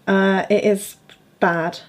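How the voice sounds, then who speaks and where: A woman's voice: mid-range voice, flat delivery, takes it slowly. Young woman, podcast host, casual chat, laughs a lot, filler-heavy. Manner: laughs often, chatty with fillers.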